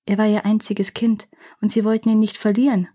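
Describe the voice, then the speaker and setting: Husky-voiced woman reading fairy tales. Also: mid-range voice, little pitch movement, fairly quick, mellow. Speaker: storyteller.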